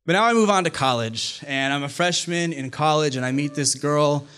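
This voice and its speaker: A man's voice: a little high, moderate pace, a bit bright, clean tone. A man in his twenties telling a personal story live on a small indoor stage, wry and self-deprecating, speaking into a stand microphone. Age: 20s. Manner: wry, self-deprecating, plays lines for laughs. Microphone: stand mic at mouth.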